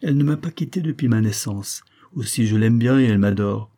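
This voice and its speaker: A man voicing a mischievous, spirited young woman in an audiobook, his voice raised higher, lively and wilful. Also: a little fast, lightly acted. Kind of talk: audiobook reading.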